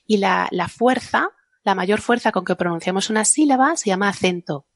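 Woman, podcast guest, animated, laughs often, dry close sound. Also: mid-range voice, moderate pace, gravelly, no echo. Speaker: guest researcher. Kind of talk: casual explaining on a podcast panel.

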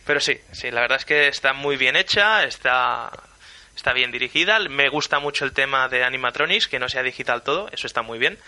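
A man's voice: medium pitch, brisk, pushed and bright. A man with a Spain Spanish accent chatting about a film as a podcast co-host, easygoing and joking. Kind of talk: casual film review chat.

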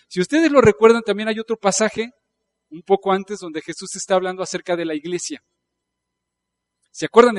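A male pastor, preaching in a conversational style with emphatic bursts. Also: high voice. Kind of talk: sermon.

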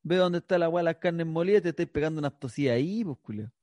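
A man's voice: on the high side, lively intonation, quick pace, mellow, no room sound. A Chilean man firing off profane, mocking comebacks in crude comic banter with a co-host.

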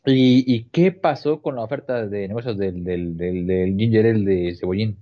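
A man co-hosting a relaxed chat, cracking jokes and stalling on fillers as he thinks. His voice runs a little low. The sound is muffled and lo-fi. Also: moderate pace. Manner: hesitant, joking, full of fillers. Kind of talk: casual chat. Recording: dull lo-fi sound.

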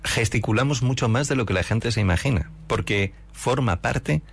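A man's voice: medium pitch, moderate pace, creaky, slightly rough. A man hosting a radio interview, conversational and asking his guest's opinion. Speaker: radio host.

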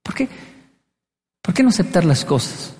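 A man's voice: high-pitched, very animated, normal speed, darkish tone, big-room sound. A man giving a live talk on leadership, telling stories animatedly and acting out the dialogue in playful voices. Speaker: speaker on leadership.

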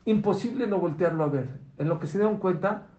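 Man, religious storyteller, fairly high voice, animated, hushed to emphatic. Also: a little fast. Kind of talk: moral storytelling talk.

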